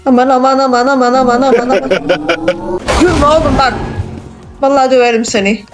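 A gaming channel host giving excitable, casual let's-play commentary, exclaiming and teasing a co-player. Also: high voice, brisk, over music.

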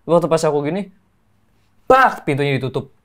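A young man telling family stories in casual chat, animated and dropping in English words. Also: on the high side, fairly quick. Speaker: guest, singer's son.

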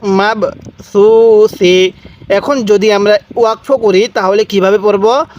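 A man with a Bangladeshi Bengali accent teaching Quran pronunciation, slowly spelling out and repeating each syllable for learners. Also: high voice, fairly even intonation, highs cut off. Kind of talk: slow step-by-step pronunciation lesson.

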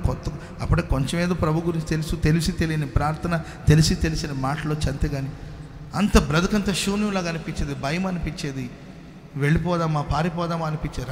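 A male pastor from Karnataka giving a sermon testimony, moving from soft pleading to loud exclamations and calling for hallelujahs. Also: a little high. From Karnataka, India. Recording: echoey hall with faint noise.

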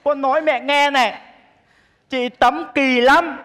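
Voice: high voice, steady tone, slow, fairly bright tone. An actor playing a spoiled, scheming younger daughter in a stage comedy sketch, whining and teasing her mother. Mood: whiny.

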